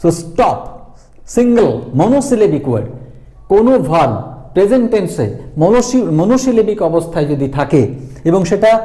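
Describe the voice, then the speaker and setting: A male teacher with a Bengali accent explains grammar at an unhurried pace, repeating each word and spelling it out letter by letter. His voice is mellow and dark, and his pitch moves up and down a great deal as he stresses points. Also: very animated. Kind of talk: classroom grammar lesson.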